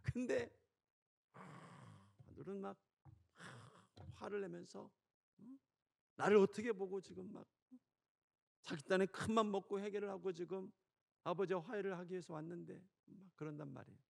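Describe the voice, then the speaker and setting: A man, a pastor, preaching a sermon, swinging between loud preaching and soft storytelling. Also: high voice, fairly even intonation, normal speed, vocal fry, long pauses.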